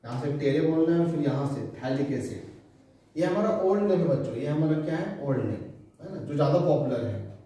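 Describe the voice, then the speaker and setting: A man's voice: a little high, dark tone. Echoey male chemistry teacher. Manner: repeats key terms slowly, quizzes students. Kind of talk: classroom lecture. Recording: echoey room, voice from a distance.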